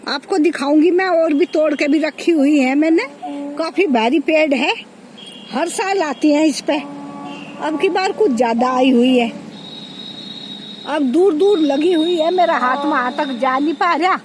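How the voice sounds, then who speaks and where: Unhurried high-voiced village woman vlogging outdoors. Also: poor audio. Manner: chatty, pointing things out to viewers. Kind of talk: casual walking tour vlog. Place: outdoors on a farm. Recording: faint outdoor noise.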